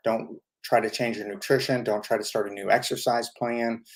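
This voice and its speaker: A man's voice: fairly low pitch, flat delivery, moderate pace. A man in his thirties hosting a casual live-stream Q&A, answering viewer questions with easygoing stories and plenty of fillers. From United States. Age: 30s. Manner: easygoing storytelling with frequent fillers.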